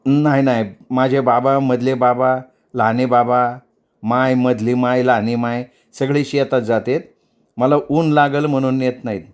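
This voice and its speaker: A man's voice: mid-range voice, flat delivery, unhurried, clear, resonant tone, natural voice. A man voicing a friendly, eager well-off village boy in a storytelling reading, speaking in an easy, coaxing way.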